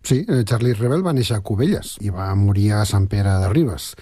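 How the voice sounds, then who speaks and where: A man's voice: fairly low pitch, moderate pace, dark tone, husky, no echo, studio quality. A man co-hosting a radio show, explaining background facts in a casual tone. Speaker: radio co-host.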